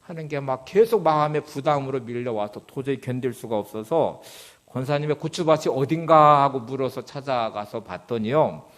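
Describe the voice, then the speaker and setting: Male pastor, mid-pitched voice, narrates a sermon story, jumps from hushed to loud. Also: moderate pace, few pauses. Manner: acts out the quoted people, swings between loud urgent questions and low quiet narration. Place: church sanctuary.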